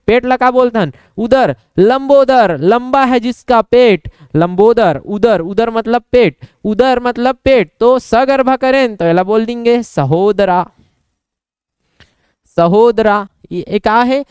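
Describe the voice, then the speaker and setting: A man's voice: high-pitched, clear, resonant tone, no room sound, clean studio sound. A young man with a Chhattisgarhi accent teaching an exam-prep Hindi lesson, playfully acting out little scenes and quizzing himself.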